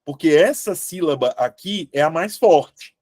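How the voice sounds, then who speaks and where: A young adult man with a fairly high voice teaches a Portuguese grammar lesson for exam prep, speaking at an unhurried pace. The studio-quality recording has no echo. He's lively and coaxing, checking in with the class frequently.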